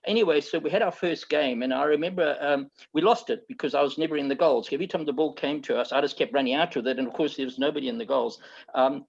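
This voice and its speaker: A middle-aged man from Zambia, a founder telling his life story in a relaxed, rambling way, often repeating words and saying "okay". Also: a little high, creaky, husky, lo-fi sound. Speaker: founder being interviewed. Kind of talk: conversational storytelling.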